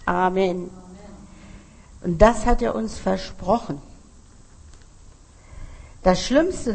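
Slow gravelly woman preaching a sermon. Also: mid-range voice, a little mellow, poor audio. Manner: addresses the congregation directly, earnest.

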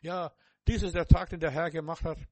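A man's voice: fairly high pitch, steady tone, brisk, darkish tone, dry recording. An older man preaching a sermon, fervent and repetitive, speaking straight to the listener with many restarts.

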